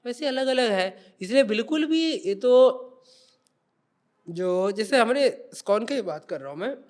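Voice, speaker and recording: A man speaking as a religious guest on a podcast interview, explaining spiritual teachings in an emphatic, preaching way. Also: high voice.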